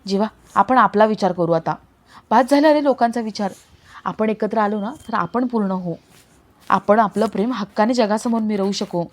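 A woman's voice: medium pitch, normal speed, close to an everyday voice. A woman reading a heartbroken, defiant young woman's lines in a serial recap, emotional and insistent. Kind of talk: dramatic read-aloud of serial dialogue.

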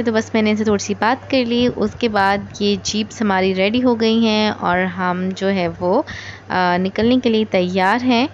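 A woman from Pakistan, narrating her travel vlog in a relaxed, chatty way with frequent hesitation fillers. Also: mid-range voice, muffled recording, a little hiss or hum. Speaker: travel vlogger. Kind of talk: casual travel vlog voice-over.

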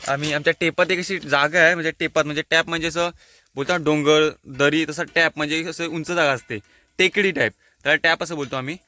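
A Konkani-accented Marathi speaker from Konkan vlogs casually by a hilltop water tank, phone in hand, walking and explaining local vocabulary. He talks fast in a steady, higher voice that sounds pushed and bright, with no echo.

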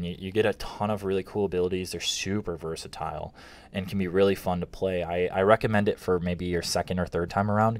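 Low-voiced man casually explaining game rules. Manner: relaxed, reads rules aloud with fillers and asides.

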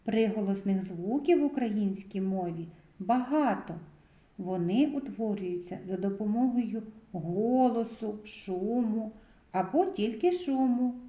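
A woman giving a slow, clear lesson to preschool children and asking them to repeat sounds after her. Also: medium pitch, animated, dark tone. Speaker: preschool teacher. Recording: dull, lo-fi sound in an echoey room.

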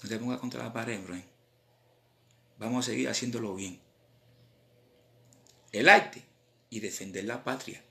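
A man with a Cuban accent, a rapper chatting casually on a live stream in animated, slang-filled talk. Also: mid-range voice, a little slow, creaky, long pauses. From Cuba.

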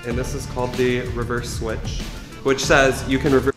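A man's voice: mid-range voice, level tone, normal speed, over loud music. A young man, a reality show contestant, reading out a game card and apologizing. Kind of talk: announcing a game move. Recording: roomy echo.

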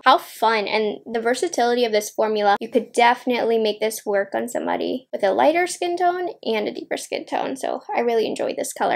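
A beauty vlogger in her twenties chats casually to camera from a small indoor room at home, thinking aloud as she applies and reviews makeup. Her voice is on the high side and gravelly.

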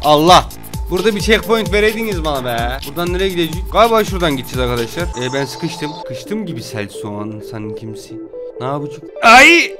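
A young man giving casual let's-play commentary, jokey and excitable, swinging from low mutters to sudden yelps and shouts. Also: fast, over music. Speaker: gaming YouTuber.

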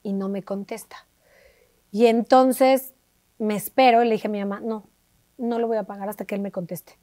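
A Mexican woman, an interview guest, telling a personal story in a lively way and acting out the voices of the people she quotes. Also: mid-range voice, normal speed, no echo. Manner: animated, acts out quoted dialogue with shifting voices. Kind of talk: conversational storytelling.

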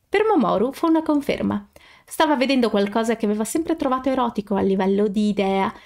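A woman reading fan fiction aloud as an audiobook narrator, steady storytelling with occasional self-corrections. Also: mid-range voice.

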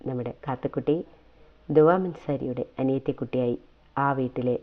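A storyteller reading an episode of a serialized romance story aloud, slow and measured on the reflective passages. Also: mid-range voice, steady tone. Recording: tinny phone-like sound.

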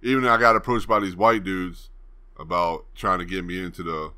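A man's voice: deep voice, normal speed, sharp tone, smooth. A young man from Virginia, hosting his channel, telling a story in a laid-back, rambling way and swearing freely. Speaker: channel host. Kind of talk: casual storytelling to camera.

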